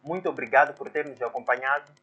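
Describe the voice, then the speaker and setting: A man's voice: medium pitch, quick pace, pushed and bright, breathy edge, dull audio. A man, working through exam answers as a teacher and sounding out syllables step by step. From Mozambique. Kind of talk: exam walkthrough lesson.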